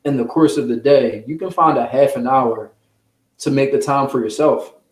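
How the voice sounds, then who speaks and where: A man with a mid-range voice speaks at normal speed as a guest on an interview, being a children's book author. His talk is casual and motivational, earnest and encouraging, and the recording sounds roomy and echoing.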